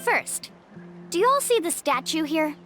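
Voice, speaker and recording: Mualani, an upbeat young guide. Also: female voice, very high voice, sing-song, a little slow, heavily acted. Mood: confident. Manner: upbeat, playful, confident. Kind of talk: video game voice acting. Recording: game audio with music behind.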